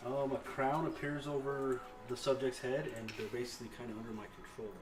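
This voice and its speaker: A man's voice: mid-range voice, level tone, fairly quick. Casual male player, hissy echoey room. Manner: casual, unsure, reading rules aloud. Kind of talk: casual tabletop game play. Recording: echoey room, distant mic, clear hiss.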